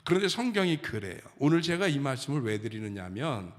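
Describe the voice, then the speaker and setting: Lively middle-aged Korean pastor preaching. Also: male voice, medium pitch, a little fast, big-room sound. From Chungcheong, Korea. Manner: humorous, chatty storytelling. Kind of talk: sermon. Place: church sanctuary.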